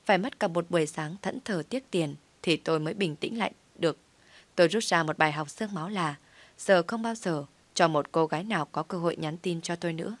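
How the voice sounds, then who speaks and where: A woman narrating a comic story in the first person, reading at an even, steady pace. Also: fairly low pitch, a little fast, dry recording.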